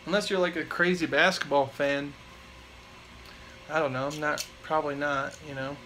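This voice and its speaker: A man's voice: a little high, moderate pace, a little hiss or hum, rough recording. A man in his twenties, chatting casually and rambling through live viewer questions with lots of fillers. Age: 20s. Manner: rambling, filler-heavy, relaxed. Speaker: vlogger answering live chat.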